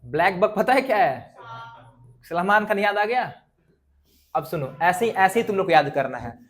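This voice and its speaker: A man's voice: high-pitched, expressive, moderate pace. A male teacher, giving an exam revision lesson and drilling students by repeating lists and quizzing them.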